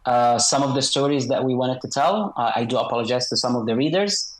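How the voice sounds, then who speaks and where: Male interview guest, slightly disguised processed voice, mid pitch, measured and halting, conversational explanations. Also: poor audio. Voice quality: slightly electronically altered voice. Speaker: interview guest, author and former military unit member.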